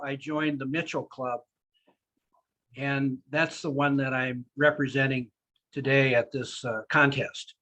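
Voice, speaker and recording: An older American man in his sixties or beyond answers interview questions in a plain-spoken, unscripted way, often pausing mid-sentence. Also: mid-range voice, fairly bright tone, rough recording. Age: 60s or older. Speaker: speech contestant being interviewed.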